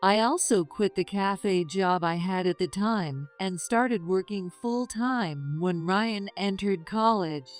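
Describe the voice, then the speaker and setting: A middle-aged woman calmly narrating a first-person story in a measured, confessional way. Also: mid-range voice. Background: faint music.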